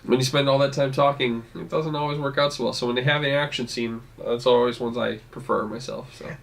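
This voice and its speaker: A man co-hosting a casual show review, chatty and quick to laugh, often talking over the others. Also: medium pitch, steady tone, creaky, far from the mic. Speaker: show co-host.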